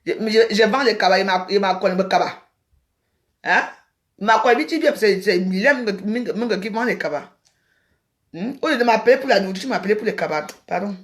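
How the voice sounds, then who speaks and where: A woman's voice: mid-range voice, brisk. A woman from Cameroon ranting on a livestream, scolding and mocking her rivals, often repeating herself. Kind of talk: heated livestream rant.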